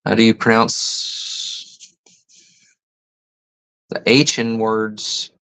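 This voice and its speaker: Slow, gravelly man musing aloud. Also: on the low side, flat delivery, fairly bright tone, low-quality recording. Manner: musing aloud, hesitant, stops to rethink words. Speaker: livestream host. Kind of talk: casual live chat reading viewer comments.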